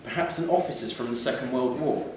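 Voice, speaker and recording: A man reads a literary short story fast, his mid-range voice darkish in tone, at a live event held indoors in a theatre. Recorded through a distant microphone, the clip is very echoey and faintly noisy.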